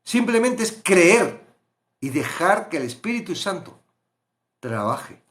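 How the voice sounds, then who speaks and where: Fervent Spanish Bible teacher, lively pitch. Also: male voice, slow pace. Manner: fervent, acts out quotes, swings loud to hushed. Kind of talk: live-streamed Bible study talk.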